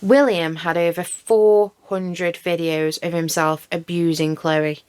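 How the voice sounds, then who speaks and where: A woman's voice: fairly low pitch, fairly even intonation, slow, darkish tone, smooth. A woman hosting a true crime channel, recapping a case with outraged, emphatic commentary and swearing.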